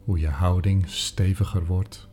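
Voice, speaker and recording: A man guiding a meditation, speaking softly and soothingly, sometimes dropping into a whisper. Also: low-pitched, fairly even intonation. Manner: slow, soft-spoken, soothing, with whispered phrases. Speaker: meditation guide. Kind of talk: guided meditation. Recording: soft music behind.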